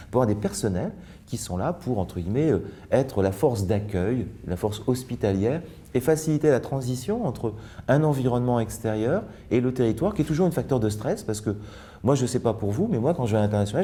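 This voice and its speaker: A man's voice: on the low side, warm tone, a little hiss or hum. A man, a guest in a panel discussion, explaining at length with hesitations and restarts. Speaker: debate guest.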